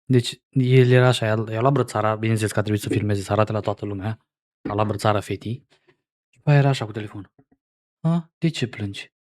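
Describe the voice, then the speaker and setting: A man's voice: lowish voice, fairly even intonation, darkish tone. A man in his forties giving casual, sarcastic reaction commentary as a streamer. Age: 40s. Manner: sarcastic, mocking.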